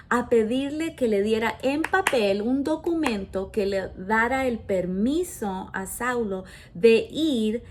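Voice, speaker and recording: Slow-speaking woman pastor preaching. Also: a little high. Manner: slow, emphatic preaching with self-corrections. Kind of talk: sermon with Bible reading.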